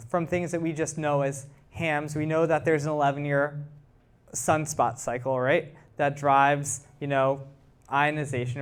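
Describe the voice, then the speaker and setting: Smooth and mid-range, this man's voice belongs to a visiting researcher taking questions after his talk. He answers informally, explaining things and reasoning aloud as he goes.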